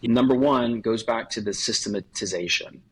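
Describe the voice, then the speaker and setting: Here a podcast guest who coaches sales talks through his advice point by point, listing items in series and demonstrating sample lines. The recording is rough, and his medium-pitched voice is husky with a moderate pace.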